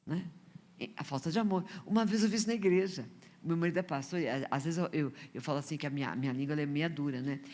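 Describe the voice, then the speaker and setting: A woman's voice: sits low, quick pace, a little mellow. Brazilian woman preaching a casual sermon. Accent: Brazilian Portuguese. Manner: conversational preaching with frequent rhetorical questions; stumbles and repeats words. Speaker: missionary preacher. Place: church.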